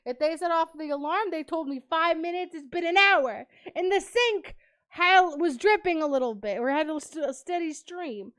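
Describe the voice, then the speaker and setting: A woman's voice: very high voice, lively intonation, normal speed, a bit bright. A woman streamer chatting casually with friends while playing a game, swearing freely and laughing a lot.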